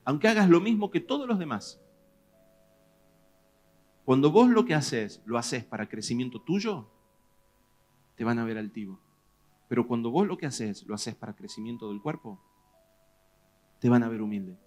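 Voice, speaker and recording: A man with a Rioplatense Spanish accent, a pastor preaching a sermon in a lively, conversational way, pressing questions on his congregation. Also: medium pitch, moderate pace, long pauses. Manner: animated preaching, rising loud on questions to the congregation.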